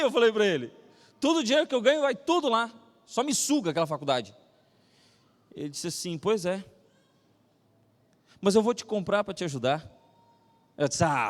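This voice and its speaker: Brazilian male pastor, high voice, animated storyteller, echoey church sound. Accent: Brazilian Portuguese. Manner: animated storytelling, acts out dialogue, slows for scripture. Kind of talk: sermon with personal story and Bible reading. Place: church hall. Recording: reverberant church hall.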